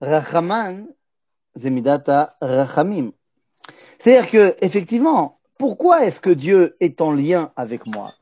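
Man, Torah teacher, raised pitch, husky, asks and answers questions, dull lo-fi sound. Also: sing-song, measured pace, warm tone, no room sound. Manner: asks the listeners questions, then answers them. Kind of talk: lively Torah class, explaining Hebrew words.

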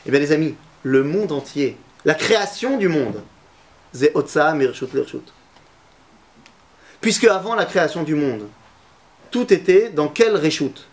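Lively male teacher questioning a class. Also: fairly high pitch, measured pace, pauses often. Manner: lively, questions the class, mixes in Hebrew terms. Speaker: Torah teacher. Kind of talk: classroom Torah lesson. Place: classroom with students.

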